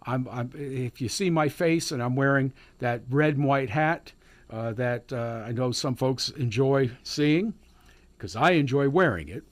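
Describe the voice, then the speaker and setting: A man hosting a live morning radio show, chatting in a halting, folksy way from the studio and calling listeners neighbor. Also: medium pitch, dry recording. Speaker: radio host. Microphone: studio mic.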